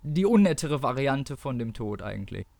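A man's voice: medium pitch, very animated, normal speed, gravelly, a little mellow. A man, an author, casually retelling his story with many fillers, then reading an excerpt from it aloud. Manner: loose, filler-heavy retelling. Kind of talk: casual chat and read-aloud narration.

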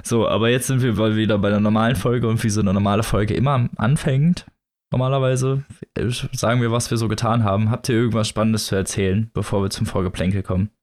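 A man in his twenties hosts a casual podcast in a fairly low voice. He leads the conversation and keeps throwing in jokes. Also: fairly even intonation, quick pace, darkish tone. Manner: jokey, leads the talk. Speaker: podcast host. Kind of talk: casual chat.

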